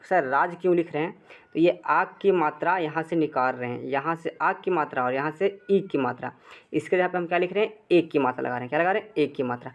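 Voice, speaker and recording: A man's voice: on the high side, fast talker. A man with a Bihari Hindi accent teaches a grammar lesson at the board. He keeps asking short questions and answering them himself, in a repetitive call-and-answer way.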